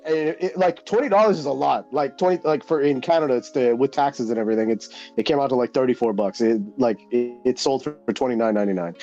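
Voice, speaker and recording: A man's voice: mid-range voice, quick pace, hardly any pauses, dark tone, faint music behind. A man hosting a gaming livestream, talking bluntly with lots of swearing and laughter. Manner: blunt, profane, laughing rants. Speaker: livestream host. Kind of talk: casual gaming chat. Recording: dull lo-fi stream audio.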